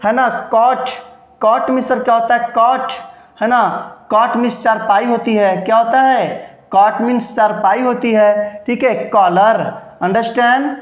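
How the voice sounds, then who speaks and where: A man whose voice sits high leads a basic English lesson in an echoey room. He keeps drilling words by posing questions and answering them, explains sounds and meanings, and encourages students with promises and blessings.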